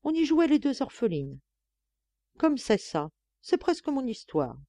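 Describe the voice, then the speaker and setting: A woman narrating a novel for an audiobook in a measured, expressive way. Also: high voice, dry recording, clean studio sound. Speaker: audiobook reader.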